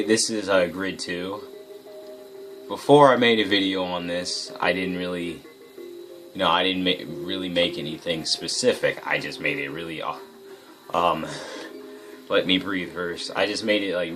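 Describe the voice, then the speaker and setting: A man's voice: deep voice, steady tone, measured pace, pauses often, a bit bright. A man hosting a gaming video, casually commenting on gameplay and thinking aloud in a rambling, self-correcting way. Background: game music.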